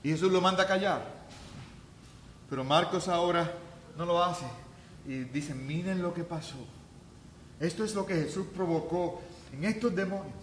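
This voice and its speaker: A man preaching a sermon as pastor, talking conversationally, then rising to loud, emphatic peaks. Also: sits high, roomy sound, a little hiss or hum.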